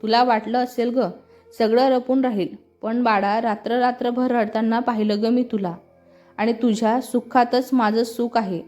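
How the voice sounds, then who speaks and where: A tender, soothing middle-aged mother, as a woman narrator reads her, in a fairly high voice. Soft music under a slightly dull sound. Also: steady tone, a little slow, close to an everyday voice.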